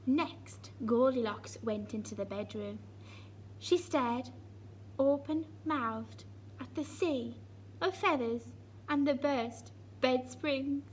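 Slow, high-voiced woman reading a storybook. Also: slight background noise. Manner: expressive, animated storytelling. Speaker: nursery teacher. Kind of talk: reading a picture book to young children.

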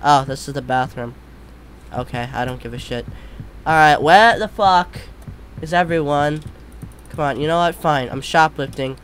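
A man doing jumpy, scared horror game commentary as a streamer, yelling and swearing freely. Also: fairly high pitch, moderate pace, soft background music. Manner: foul-mouthed. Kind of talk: let's play commentary.

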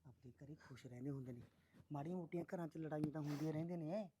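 A man's voice: fairly high pitch, rapid-fire, mellow, slight background noise, natural voice. An actor playing a patient middle-aged father who soothes and coaxes his married daughter to stay with her in-laws. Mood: coaxing. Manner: soothing, coaxing.

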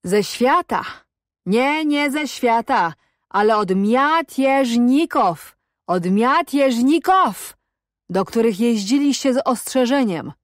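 A woman's voice: on the high side, expressive, no room sound, clean studio sound, voice pushed up. A woman doing a sneering young Cossack officer. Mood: mocking. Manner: mocking, drawn-out syllables, hissing.

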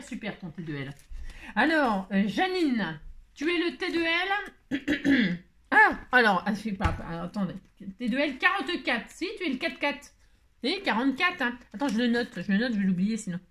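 Fairly high in pitch and a bit bright, a woman hosts a scrapbooking channel's mail-opening vlog. Her talk is chatty and rambling, playful, peppered with fillers and teasing asides.

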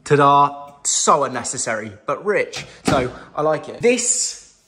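A man's voice: fairly high pitch, very animated, unhurried, sharp tone. A young man from England giving a casual, enthusiastic tour of his renovated house, filming by hand while walking through a large kitchen. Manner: chatty, enthusiastic, casual slang. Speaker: home renovation vlogger. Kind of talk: casual home tour narration. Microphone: handheld phone camera, filming first-person while walking.

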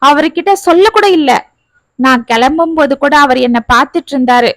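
A young working wife, tearful and confessional, as a woman storyteller voices her. The voice sits high and is captured dry and close, like an audio storybook. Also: fairly quick, dry recording, natural voice. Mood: apologetic. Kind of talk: storytelling narration.

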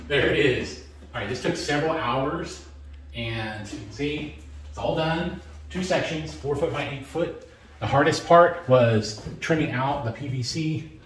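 A man's voice: medium pitch, echoey room. A middle-aged man giving a casual, step-by-step how-to walkthrough in a large garage, with the occasional filler word as he explains. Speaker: DIY home improvement vlogger. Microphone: camera on tripod, across the garage.

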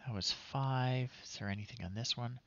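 This is a livestream host, a man in his thirties, chatting casually as he tries out old software indoors in a small room at home. He thinks aloud in brief muttered phrases, using a medium-pitched, slightly bright voice at normal speed, captured with lo-fi sound.

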